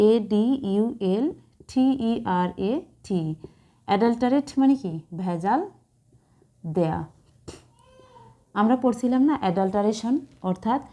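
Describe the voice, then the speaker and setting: A woman's voice: mid-range voice, dark tone. A woman English teacher, explaining word meanings patiently, spelling words out letter by letter and checking that students follow. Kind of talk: casual classroom explanation.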